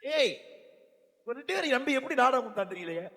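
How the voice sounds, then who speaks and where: High bright scolding man on stage. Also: big pitch swings, brisk, in a large hall. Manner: scolding, mock-exasperated. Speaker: stage comedian. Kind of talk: stage comedy dialogue.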